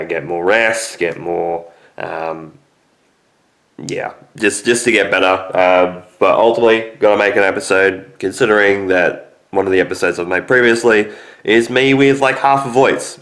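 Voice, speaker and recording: A man's voice: low-pitched, fairly bright tone. A young man with a nasal, stuffy voice from a cold, hosting a rambling casual sports recap full of ums. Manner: rambling, heavy on fillers like um and obviously. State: sick with a cold, stuffy nose. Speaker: sports podcast host.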